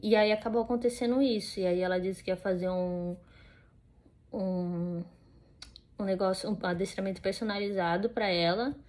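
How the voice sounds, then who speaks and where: A woman's voice: medium pitch, steady tone, normal speed, darkish tone. Chatty young Brazilian woman vlogging at home. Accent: Brazilian Portuguese. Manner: chatty, rambling with many fillers and restarts. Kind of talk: casual chat to camera.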